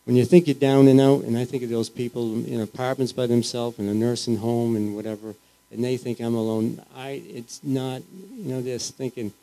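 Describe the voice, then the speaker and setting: A man giving an informal, earnest testimony in church, halting and restarting often as he speaks. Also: medium pitch, little pitch movement, mellow, poor audio. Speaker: church member sharing.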